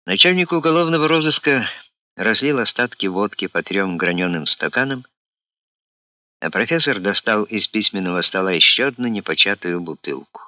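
A man narrating an audiobook in a steady, matter-of-fact way. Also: on the low side, normal speed, no room sound, dull audio.

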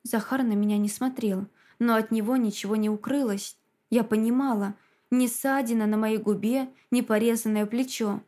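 A woman's voice: a little high, fairly even intonation, normal speed, mellow. Woman narrating a tense audiobook. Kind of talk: first-person dramatic narration.

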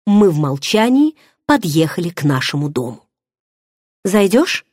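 A woman's voice: lowish voice, big pitch swings, moderate pace, darkish tone, husky, no room sound, studio quality. A woman narrating an audiobook in the first person, telling the story expressively. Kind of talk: scripted narration.

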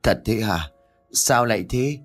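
A man's voice: fairly low pitch, expressive, measured pace, a bit bright, faint music behind. A man voicing a frightened elderly mother who stammers and trembles, in an audiobook ghost story. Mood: shaken.

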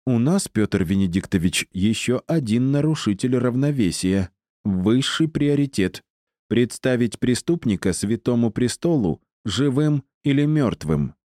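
A man's voice: mid-range voice, animated, measured pace, dark tone, dry recording, studio quality, voice pushed up, lightly acted. A man reading the part of a plump, charming male inquisitor priest with a metallic edge, probing and commanding. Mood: steely.

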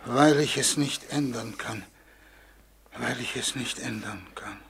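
An actor playing a helpless, forgotten old God, plaintive and lamenting, in a 1940s German radio play. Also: male voice, mid-range voice, takes it slowly, vocal fry, fairly bright tone. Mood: weeping. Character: weeping, helpless old God nobody believes in.

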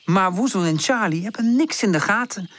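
A woman narrating a children's audiobook in an expressive, sing-song way. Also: mid-range voice, normal speed.

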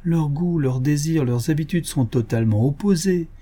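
A patient country doctor, kind but unbending, voiced by a male audiobook reader in a mellow, husky, steady tone. He turns down demands in a measured, gentle way, a storybook figure of quiet firmness. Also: on the high side, voice pushed up, close to an everyday voice. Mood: calm, firm. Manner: gentle, measured and firm refusals.

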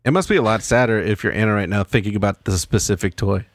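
A man's voice: lowish voice, fast talker, no echo, studio quality. A man co-hosting a podcast in casual chat, joking around and giving mock-serious rants. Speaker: podcast co-host.

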